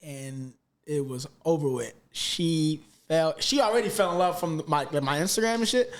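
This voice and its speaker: A man talking as a podcast guest, telling a story in an animated, emphatic way and swearing freely. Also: on the high side, normal speed. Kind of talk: casual storytelling chat.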